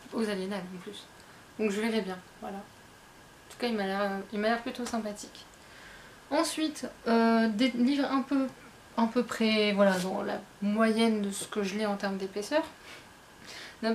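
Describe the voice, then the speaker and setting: A woman's voice: medium pitch, slight background noise. A woman talking casually about her books to her viewers, chatty and self-mocking with lots of fillers and restarts. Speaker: book vlogger. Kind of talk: casual chat.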